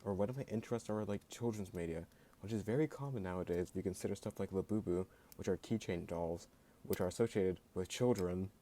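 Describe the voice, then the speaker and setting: Bluntly sarcastic and dropping "like" over and over, this male YouTube creator rants his opinions in a brisk, mellow, low voice that turns jittery at times. There's slight background noise.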